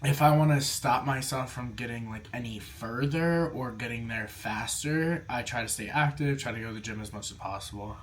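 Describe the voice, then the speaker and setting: A man's voice: medium pitch, moderate pace, hardly any pauses, slight background noise. A man in his early twenties chatting casually as he eats and answers viewer questions, with many "like" fillers. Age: young adult. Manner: chatty, lots of "like" fillers, talks between bites. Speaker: food vlogger. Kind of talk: casual mukbang Q&A while eating.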